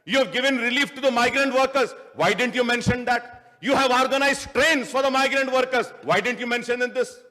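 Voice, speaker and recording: A man's voice: very high-pitched, drawn-out words, sharp tone. A man speaking in a legislative assembly debate, firing off repeated rhetorical questions at the government. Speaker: legislator in opposition. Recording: long reverb of an assembly hall.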